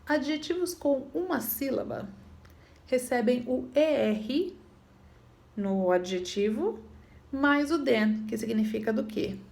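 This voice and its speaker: A woman teaches an English grammar lesson, patiently explaining rules, repeating points and checking in with her students by asking "tá bom?". Her voice is high-pitched and a little mellow, with vocal fry.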